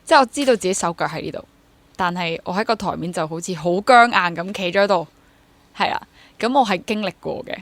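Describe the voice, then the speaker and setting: She talks fast in a lowish voice, with no room sound in the recording. A young actor and drama teacher with a Hong Kong Cantonese accent, she's a relaxed interview guest who mixes in English terms.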